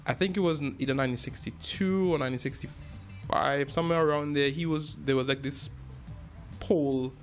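Man, halting casual chat. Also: fairly high pitch, soft background music. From Trinidad and Tobago. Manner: halting, many restarts and repeated words. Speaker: jazz musician guest.

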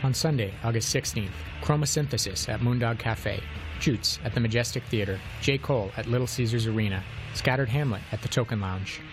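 A man reading out a concert listing as a radio announcer, in an even listing cadence. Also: mid-range voice, fairly quick, over music, low-quality recording.

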